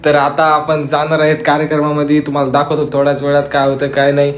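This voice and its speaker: Young male vlogger, upbeat and loud, higher-pitched, recorded on a phone outdoors. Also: fast, slight background noise. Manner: excited, greets viewers loudly. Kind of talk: casual vlog chat. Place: outdoor street celebration.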